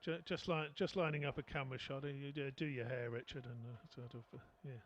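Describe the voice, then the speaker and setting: A man's voice: medium pitch, steady tone, a little fast, highs cut off, a little hiss or hum. A man doing live cricket commentary, chatty and rambling with lots of fillers, from a commentary position at the ground.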